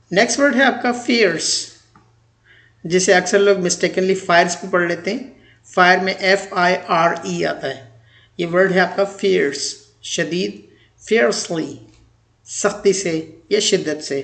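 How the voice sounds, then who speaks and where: A male teacher giving a grammar lecture, reading words out slowly one by one for pronunciation drills. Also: high-pitched, a bit bright. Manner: slow, deliberate word-by-word pronunciation drills.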